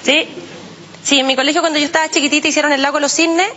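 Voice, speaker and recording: Chilean woman comic, very high voice, slangy and self-mocking, muffled noisy live recording. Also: steady tone, racing. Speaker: stand-up comedian. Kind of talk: stand-up comedy routine.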